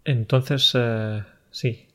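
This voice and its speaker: A man's voice: medium pitch, steady tone, very slow, bright, forceful tone. Playful man co-hosting a podcast. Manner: friendly teasing, playful. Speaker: podcast co-host. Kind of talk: casual chat about Spanish loanwords.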